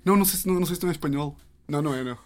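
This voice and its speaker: Fast-talking joking man. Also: on the high side. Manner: joking, teasing, fast and rambling. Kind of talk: casual chat, guessing game.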